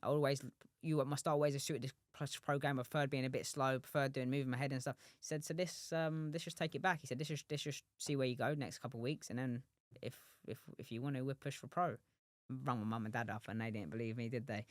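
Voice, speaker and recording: Fast-talking young man, rambling. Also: mid-range voice, steady tone, dry recording, clean studio sound. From England. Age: 20s. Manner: rambling, many restarts and "do you know what I mean". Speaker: guest, professional boxer. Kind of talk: casual interview chat.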